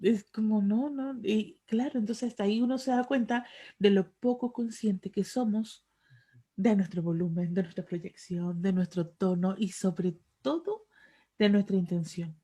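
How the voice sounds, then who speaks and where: A woman co-hosting a webinar on the speaking voice, talking in a relaxed, animated way and acting out short everyday exchanges, over a video call. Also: medium pitch, measured pace, slightly rough. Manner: animated, acts out little quoted exchanges. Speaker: voice artist and webinar co-host.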